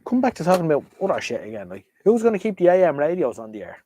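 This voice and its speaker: An Irish livestream host chats with viewers about vintage radios, rapid-fire and very animated in a fairly high, warm voice. He's hesitant yet opinionated, trailing off and hopping between thoughts, with slight background noise.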